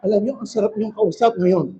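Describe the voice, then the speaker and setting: A male pastor preaching a sermon in a church hall, shouting and calling on the crowd to answer back. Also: sits high, a little fast, slight background noise. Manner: shouting, rousing, calls for crowd response. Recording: dull lo-fi recording.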